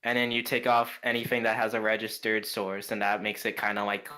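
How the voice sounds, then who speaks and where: Bright, flat-voiced young man running a game. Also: on the low side, fairly quick, rough recording. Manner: meandering description full of "like" and "kinda". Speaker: game master. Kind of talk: narrating a tabletop game.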